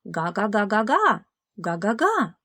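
Woman doing a little boy gosling, high honking, plaintive, husky edge, storybook. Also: sing-song, unhurried, fairly bright tone, no room sound, clean studio sound, full character voice. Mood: cheerful honking. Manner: honking goose calls, plaintive. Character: little male gosling, lonely and eager.

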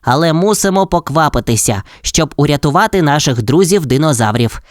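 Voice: mid-range voice, lively intonation, brisk, dry recording, studio quality, pitched above the performer's own voice, natural voice. A reader doing an earnest dinosaur-loving boy. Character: friendly boy who speaks to dinosaurs.

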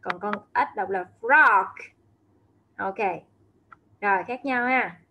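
A woman's voice: medium pitch, slow, sharp tone, slight background noise. A woman teaching English words to young children, patiently repeating and spelling each word letter by letter. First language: Vietnamese. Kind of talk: slow vocabulary lesson, words repeated aloud.

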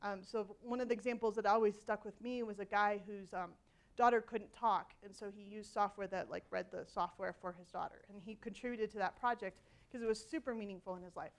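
A woman's voice: medium pitch, fairly even intonation, fairly quick. A woman in her forties giving a conversational conference keynote on a hall stage, with frequent ums and restarts and a self-deprecating humor. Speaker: keynote speaker.

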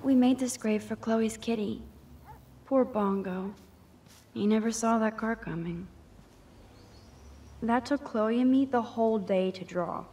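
A woman's voice: on the high side, a little slow, long pauses, mellow, distant mic, slight background noise, close to an everyday voice. Woman voicing Max, a wistful shy teen. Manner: wistful, musing to herself. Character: shy 18-year-old girl, photography student. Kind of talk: video game inner monologue.

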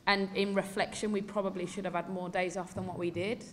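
In a fairly quick, flat delivery at medium pitch, an English woman in her thirties answers press questions after a match, with a little hiss or hum on the recording. A football coach, she is candid and emphatic and uses many fillers. She speaks into a desk mic in an indoor press room in front of a sponsor backdrop.

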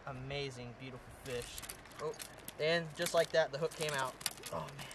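A young man, vlogging excitedly while fishing on a riverbank, talking to viewers and repeating his exclamations. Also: on the high side. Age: young adult. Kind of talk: casual outdoor fishing vlog. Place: riverbank outdoors. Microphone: on-camera mic and head-mounted camera. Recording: rushing river noise outdoors.

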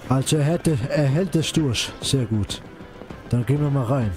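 A man's voice: mid-range voice, moderate pace, a little mellow, soft background music. A man giving casual commentary while he plays a video game. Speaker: let's player commenting on a game.

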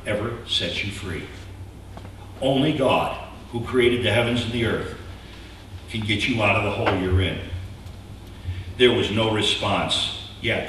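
A man preaching a sermon, telling a story dramatically and swinging between loud shouts and hushed tones. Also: on the low side, recorded from a distance, slight background noise. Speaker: pastor. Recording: echoey room, picked up from afar.

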